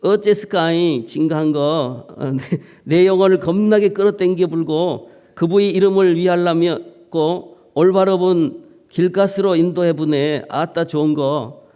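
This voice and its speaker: A man's voice: a little high, unhurried, dark tone, clean tone, close to an everyday voice. A man reciting a psalm in a folksy, exclamatory Jeolla dialect, in a reverberant church hall.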